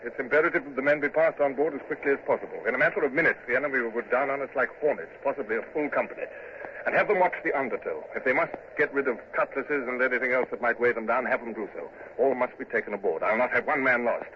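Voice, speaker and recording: An actor playing a commanding, self-doubting British naval commander and narrator in an old-time radio drama, speaking formally. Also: male voice, medium pitch, fast, natural voice. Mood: urgent. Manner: formal, crisp orders and introspective asides. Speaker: lead actor and first-person narrator. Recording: muffled, noisy old radio recording.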